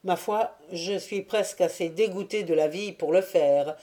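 A woman reading the lines of a stern, measured male naval officer in a storybook. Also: on the low side, warm tone, natural voice. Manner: measured, severe.

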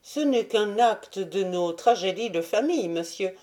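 A woman's voice: medium pitch, expressive, a little slow, warm tone, close to an everyday voice. A woman reading an audiobook voices a proud young woman who speaks curtly and coldly. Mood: defiant.

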